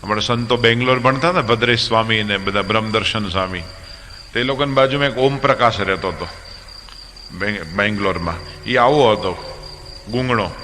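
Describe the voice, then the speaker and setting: A man's voice: on the low side, normal speed, bright, forceful tone, in a large hall, a little hiss or hum. A man with a Gujarati accent, a monk telling humorous stories in a religious discourse, acting out characters with changing voices. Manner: acts out characters with shifting voices. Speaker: monk storyteller.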